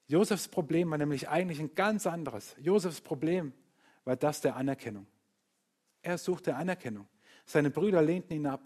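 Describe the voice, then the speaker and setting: The preacher here has a slightly high voice and addresses his congregation with a spirited, playful sermon, putting on other people's voices and joking with the crowd.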